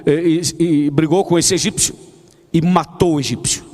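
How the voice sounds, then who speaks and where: A pastor preaches an evening sermon, retelling the story in a chatty way. He keeps asking his listeners rhetorical questions. His voice sits slightly high, and a long reverb trails behind him, as in a large hall. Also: fairly even intonation, moderate pace, a little mellow.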